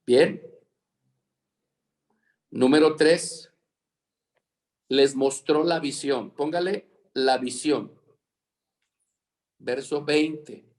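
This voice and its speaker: Slow, high-voiced man teaching a Bible lesson. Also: darkish tone. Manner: slow, repeats dictation for students to fill in. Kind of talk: Bible lesson over video call. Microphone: video call.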